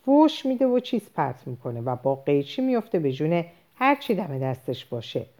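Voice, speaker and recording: A woman's voice: deep voice, sing-song, mellow. A woman reading the part of a chatty older female housekeeper who rambles on with complaints and fond endearments. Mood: complaining.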